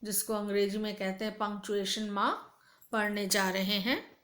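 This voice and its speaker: A woman's voice: medium pitch, fairly even intonation, normal speed, fairly bright tone, roomy sound. A woman teacher explaining a lesson to children in a patient, repetitive way. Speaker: school teacher.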